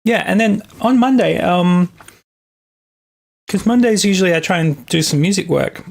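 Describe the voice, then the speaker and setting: A young adult music producer streaming live, chatting casually with viewers in a halting, think-aloud way while working on tracks. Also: medium pitch, vocal fry, a little mellow.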